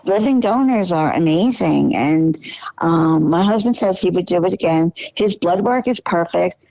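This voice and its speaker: A woman in her sixties talks casually as a podcast guest, in a fairly low voice. She is chatty, loops back on the same phrases and trails off mid-thought. The recording is dry and close. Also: lively intonation, normal speed, gravelly, dark tone, dry recording, low-quality recording. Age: 60s. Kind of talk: casual conversation.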